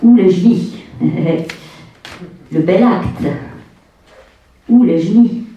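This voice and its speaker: A woman author giving a public reading of her work, with measured delivery and playful asides. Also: mid-range voice, muffled recording. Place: conference hall. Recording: echoey hall, distant mic.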